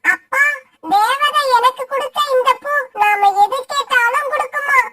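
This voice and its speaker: A woman voicing a small, cheerful young female sparrow in a cartoon story, with a very high childlike voice. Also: unhurried, pushed and bright, full character voice. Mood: earnest. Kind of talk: cartoon voice acting.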